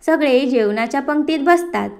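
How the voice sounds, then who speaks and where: A woman narrating a family story, reading it aloud in a descriptive, measured way. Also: sits high, animated.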